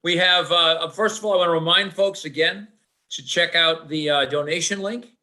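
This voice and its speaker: A man's voice: fairly high pitch, steady tone, moderate pace, pushed and bright. A man hosting an online folk sing over a video call, thanking singers and reading out who sings next. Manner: friendly, reads out the singer lineup. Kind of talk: emcee announcements.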